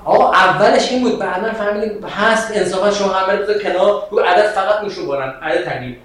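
A man with a high voice gives a classroom philosophy lecture. He talks in an animated, rhetorical way and keeps asking his students questions. His voice rings through a strongly echoing room. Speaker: philosophy teacher. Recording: very echoey room.

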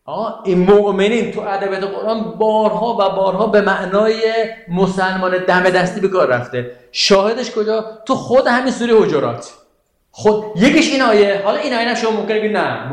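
A man with a high voice teaches a class about Quranic verses, stopping often to ask his listeners questions. He recites the Arabic verses slowly. The room is full of echo. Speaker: religious teacher. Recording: very echoey room.

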